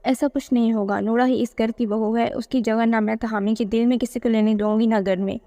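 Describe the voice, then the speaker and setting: A woman's voice: fairly high pitch, fairly even intonation, fairly quick, warm tone, lightly acted. A woman voicing a firm, protective middle-aged mother who talks in a commanding way, in a read-aloud novel.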